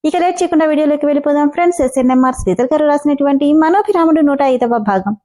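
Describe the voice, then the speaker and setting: A woman's voice: sits high, rapid-fire, mellow. A woman hosting a story channel who reads a serialized story aloud and addresses her listeners in a friendly way.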